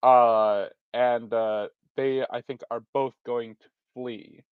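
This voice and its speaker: This man's voice sits at a medium pitch, slow and smooth with fairly even intonation, as he narrates his own solo tabletop game as game master. He thinks aloud and makes self-deprecating jokes, and the dull, dry recording carries no room sound.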